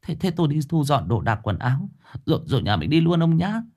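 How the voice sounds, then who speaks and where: A man's voice: fairly high pitch, very animated, quick pace, darkish tone, pitched above the performer's own voice. A man voicing a frantic middle-aged mother who begs and stammers. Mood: anxious. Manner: begging, tearful, stammering.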